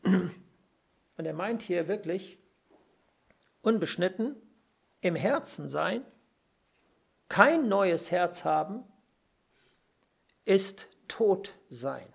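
A preacher giving an earnest sermon, stressing key phrases through repetition and pausing now and then to search for words. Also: medium pitch, expressive, vocal fry, husky. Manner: pauses to search for words with fillers. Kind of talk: sermon on a Bible passage.

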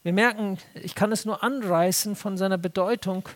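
A preacher giving an earnest, exhorting sermon, rising to raised emphatic stretches and sinking to hushed, low, intense passages, with phrases repeated for weight. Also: fairly even intonation, moderate pace.

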